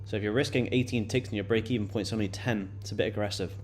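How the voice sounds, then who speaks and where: A day-trading livestream host in his late twenties casually answers viewers, with frequent fillers and repeated words. His fairly low voice keeps a steady tone at a quick pace.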